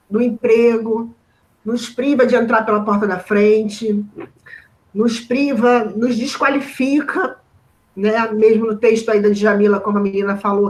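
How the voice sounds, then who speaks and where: A woman's voice: on the high side, rough recording. Emotional Brazilian woman telling a story. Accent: Brazilian Portuguese. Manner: emotional, close to tears at times; conversational, many fillers and tag questions. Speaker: teacher. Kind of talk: personal story in a discussion.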